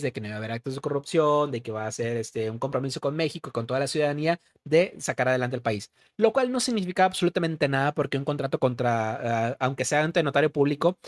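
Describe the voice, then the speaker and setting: A man's voice: mid-range voice, no room sound, studio quality. A young man with a Mexican accent, co-hosting a casual political chat and dropping "güey" constantly. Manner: slangy, peppers talk with "güey". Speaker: podcast co-host.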